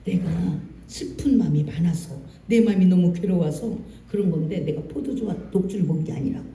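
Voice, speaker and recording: A preacher voicing a humble young woman in grief, pleading in a low, hushed voice, heard from far off in an echoey church hall. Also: brisk, close to an everyday voice. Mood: grieving.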